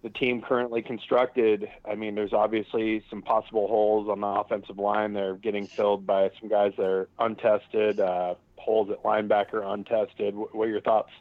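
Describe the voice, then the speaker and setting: A man's voice: lowish voice, flat delivery, moderate pace, hardly any pauses, no room sound. A male podcast host asking questions in a casual, joking way. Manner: asks questions, playful, joking. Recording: dry phone-like audio.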